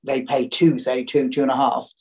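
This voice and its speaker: Male financial commentator, croaky throat, conversational podcast delivery with halting restarts and repeated phrases. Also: mid-range voice, flat delivery, darkish tone.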